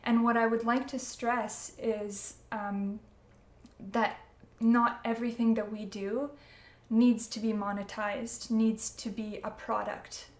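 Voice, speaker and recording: A woman's voice: a little high, level tone, slow pace. Effusive woman in an echoey room. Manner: effusive, warm-worded, with many fillers. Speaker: opera singer and guest. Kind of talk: casual video message.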